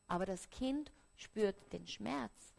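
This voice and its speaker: A woman with an Austrian accent, preaching a parable on stage before an audience, often dropping to a hushed, quiet voice. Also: medium pitch, animated, slow pace, gravelly. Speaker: stage speaker.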